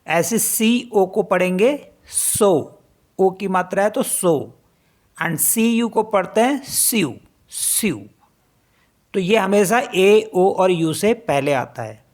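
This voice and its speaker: A woman teaching a French pronunciation lesson in Hindi mixed with English, spelling each word letter by letter and repeating it slowly. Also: mid-range voice, expressive, darkish tone. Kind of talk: spoken language lesson.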